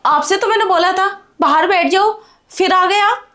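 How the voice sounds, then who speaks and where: A woman playing an anxious, high-voiced young wife. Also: steady tone, normal speed, warm tone, natural voice. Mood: defensive. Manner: worried, hesitant, defensive. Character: anxious young married woman behind on rent. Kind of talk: amateur Hindi drama skit.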